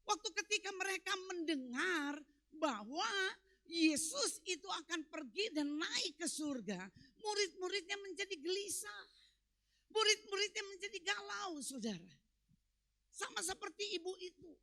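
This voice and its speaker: A woman pastor preaching a sermon with emphatic delivery, swinging between loud peaks and quiet, low drops. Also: expressive, a little slow, dry recording.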